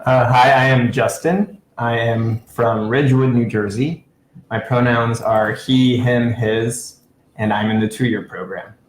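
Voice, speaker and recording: A man on a student panel, answering in a relaxed, reflective way. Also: medium pitch, unhurried, slight background noise. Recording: echoey room.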